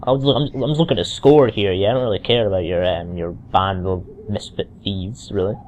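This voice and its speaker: A man's voice: sits low, moderate pace, a little mellow, a little hiss or hum. A man with a mild Scottish accent rambling through casual gameplay commentary, full of restarts and asides, on a cheap microphone. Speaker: let's play commentator.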